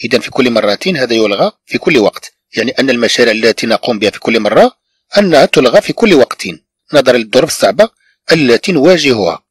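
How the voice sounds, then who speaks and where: A man with a Moroccan accent teaching a language lesson, patiently repeating phrases and breaking them down slowly. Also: mid-range voice, animated, breathy edge, no echo. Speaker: French teacher.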